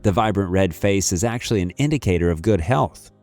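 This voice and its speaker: A man with a fairly low voice delivers scripted narration in the manner of a nature documentary. Faint music plays behind him as he presents the material. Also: expressive, fairly quick, a little mellow.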